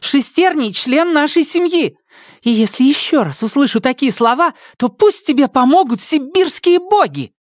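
Man voicing a young woman, high pitched, sharp and fierce, dry recording. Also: expressive, normal speed, no echo. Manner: sharp, raised voice.

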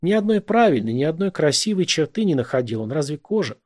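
A man reading literary prose aloud as an audiobook narrator, in a measured, reflective way. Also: fairly high pitch, big pitch swings, a little mellow.

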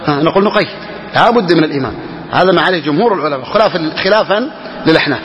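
A man teaching Islamic law to a class, reading lines slowly and repeating key phrases as he explains. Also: on the high side, lively intonation, a bit bright. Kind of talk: classroom lesson explaining a legal text. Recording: dull lo-fi recording with hall reverb.

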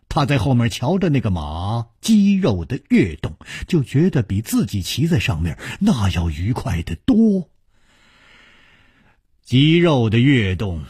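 A male storyteller with a slightly husky voice, telling the tale slowly and theatrically. His pitch rises and falls lavishly as he lingers over each phrase, now and then breaking into a sighing aside. The sound is close and dry, with no room around it. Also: no echo. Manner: slow, expressive, theatrical narration with sighing asides. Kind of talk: Chinese storytelling narration.

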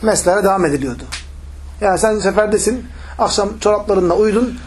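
A man's voice: high-pitched, fairly quick, a little hiss or hum. A man teaching a religious lesson on hadith, asking his listeners questions and answering them himself, and switching into recited Arabic. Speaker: Islamic preacher teaching hadith.

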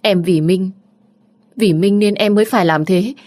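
A woman's voice: medium pitch, fairly even intonation, normal speed, darkish tone, pitched above the performer's own voice, close to an everyday voice. A woman voicing a young woman heroine who pleads through tears in an audio story. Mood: tearful pleading.

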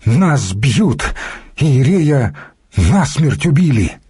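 A man voicing a frantic, beaten young male monk who wails and pleads in a shrill voice. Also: sing-song, slow, dark tone, husky, no room sound, studio quality, exaggerated voice. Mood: wailing plea.

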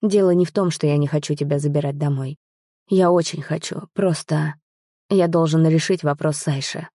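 A woman reading the lines of a young man, a tender, guilt-ridden lover, in a soft, pleading, earnest way. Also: low voice, fairly even intonation, normal speed, no room sound, clean studio sound.

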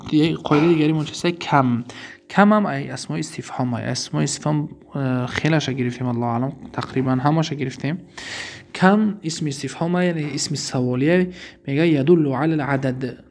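Tajik man teaching, slightly high voice. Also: a little mellow. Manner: reads Arabic examples slowly, then explains them quickly in Persian. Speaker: Arabic grammar teacher. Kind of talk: recorded classroom lesson.

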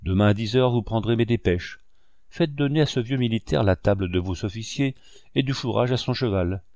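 A commanding old marshal barks short orders, as a man reads him aloud. The voice sits low and is heard in a dry, close recording. It stays brisk and to the point. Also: darkish tone, dry recording, lightly acted. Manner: terse orders.

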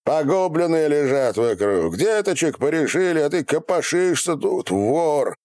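A man voicing a rude, bullying official who barks questions and shouts in an audiobook. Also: mid-range voice, lively intonation, unhurried, no room sound, pitched above the performer's own voice, natural voice. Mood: bullying, shouting. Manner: barking, jeering, shouting questions. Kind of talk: audiobook character reading.

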